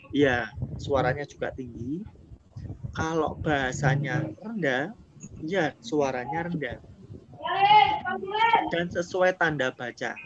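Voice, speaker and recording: A male primary school teacher, recording a remote lesson, reading text and then explaining it in Indonesian. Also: on the high side. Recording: muffled, noisy home recording.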